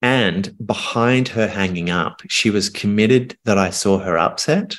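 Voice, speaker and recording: Man, middle-aged, communication coach, low voice, calm, earnest, reflective pauses. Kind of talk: coaching conversation on a podcast.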